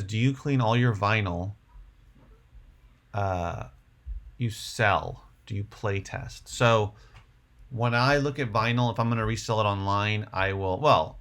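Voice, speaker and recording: A man with a low, gravelly voice full of vocal fry hosts a livestream, talking a little slowly and casually. He rambles somewhat, thinking aloud as he answers questions.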